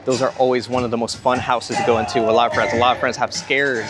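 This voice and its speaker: A man's voice: mid-range voice, level tone, fast talker. Rambling, breathless young man vlogging outdoors. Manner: enthusiastic, rambling, repeats words. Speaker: theme park vlogger. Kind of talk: casual rambling vlog talk. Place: outdoors at a theme park. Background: music from nearby.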